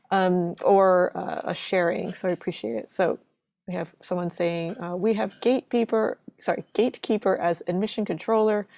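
A woman's voice: lowish voice, creaky, a little mellow, no room sound. A woman moderating a live online webinar, chatty and welcoming, with many fillers. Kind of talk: casual live webinar hosting.

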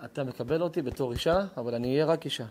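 A man voicing a young woman who pleads earnestly and softly with her suitor, told inside a sermon. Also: medium pitch, pitched below the performer's own voice, close to an everyday voice. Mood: pleading.

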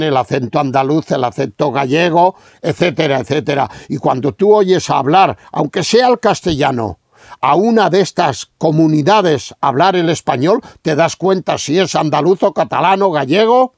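A middle-aged man from Spain preaching a sermon, reading Scripture slowly and emphatically with rhetorical questions. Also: fairly high pitch, lively intonation, creaky, dry recording, studio quality.

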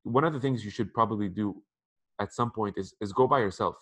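Fairly low in pitch, fairly quick, and fairly bright, a man in his thirties speaks as an interview guest. Wearing headphones on a video call in an apartment room by a window, he gives casual advice conversationally, frequently repeating words.

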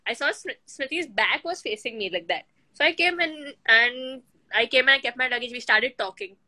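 A woman's voice: high voice, sharp tone, dry recording, poor audio. A woman in her twenties with an Indian accent chats casually and teasingly as she hosts a live video call. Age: 20s. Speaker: host of a live video chat reading questions. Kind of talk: casual chat. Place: indoors at home. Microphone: video call on a phone or laptop.

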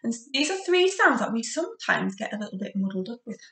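A young woman teaching phonics to small children in an encouraging way, modelling single speech sounds deliberately and giving simple, direct instructions. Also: on the high side, sing-song, a bit bright, distant mic. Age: young adult. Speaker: primary school phonics teacher. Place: domestic kitchen, indoors. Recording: roomy, echoey home recording.

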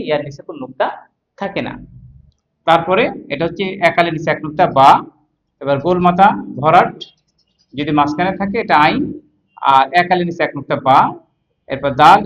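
A man teaching Quran reading, patiently sounding out each syllable several times in a slow spoken lesson with a Bangladeshi Bengali accent. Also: a little high, expressive, lo-fi sound.

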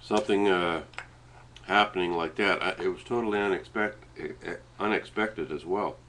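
Middle aged guy w a canadian maritime accent, low voice, stuffy nose, rambles along casually to his webcam. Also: normal speed, a bit bright, slight background noise. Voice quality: congested, stuffed-up nasal sound. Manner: rambling, hesitant, sometimes talking while eating. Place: small indoor room at home. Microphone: webcam setup at desk distance.

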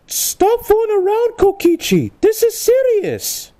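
A woman's voice: very high-pitched, wildly swooping pitch, a little slow, dark tone, exaggerated voice. A woman voicing an earnest, flustered male cartoon video game hero in an amateur comedic role-play, hesitant and exclaiming. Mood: exasperated.

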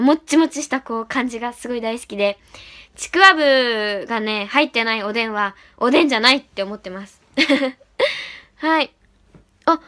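A woman livestreaming as an idol, talking fast and bubbly while reading out and answering chat comments. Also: high-pitched, pushed and bright. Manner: bubbly, often repeats "really".

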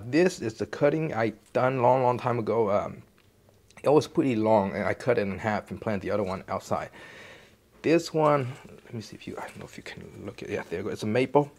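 A man with a somewhat low voice walks a phone camera through his indoor basement greenhouse. He talks casually and loosely, restarting sentences and dropping fillers as he points out each plant. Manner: relaxed, rambling explanations with frequent restarts and fillers. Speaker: gardening channel host. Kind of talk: casual plant tour walkthrough. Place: indoor basement greenhouse under grow lights.

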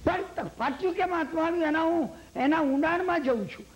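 High-voiced man giving a Jain sermon. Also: brisk, slight background noise. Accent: Gujarati. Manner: lively storytelling, acts out quoted lines, asks the hall "samjya ne?". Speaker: Jain lecturer. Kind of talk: sermon with storytelling.

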